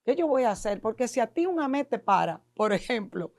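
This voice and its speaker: A woman's voice: on the high side, very animated, a little fast, a little mellow, no echo, studio quality. A middle-aged woman with a Dominican accent, a guest expert explaining emotions in an emphatic, lecturing way full of rhetorical questions. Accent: Dominican Spanish. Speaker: guest expert in neuro-linguistic programming. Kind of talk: podcast interview explaining to an audience.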